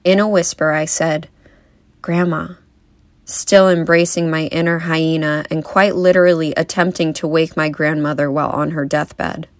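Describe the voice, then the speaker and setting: A young woman speaks at a memorial, delivering a eulogy full of wry, gently humorous stories. Her voice sits low for a woman. The sound is dry and close, with no room echo. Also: steady tone, normal speed, hardly any pauses. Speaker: granddaughter giving a eulogy. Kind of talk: eulogy speech.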